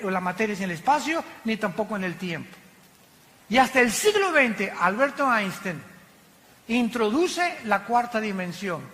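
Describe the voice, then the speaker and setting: Man, pastor, high voice, impassioned sermon, long reverb. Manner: impassioned preaching with sudden loud exclamations.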